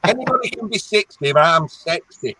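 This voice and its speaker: A man's voice: sits high, animated, brisk, pushed and bright, husky, dry recording, poor audio. A man of sixty bantering with friends in a shed, joking and stumbling over repeated words. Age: 60s. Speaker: regular in a chat among friends. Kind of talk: casual banter.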